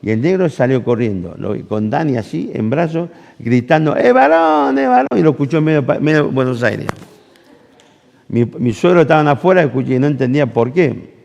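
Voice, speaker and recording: Speaking at a moderate pace in a medium-pitched voice, a pastor from Argentina, with a Rioplatense Spanish accent, delivers a sermon built around a personal story. He brings it to life by performing the dialogue and putting questions to the congregation, while the church camp hall gives the recording a long reverb.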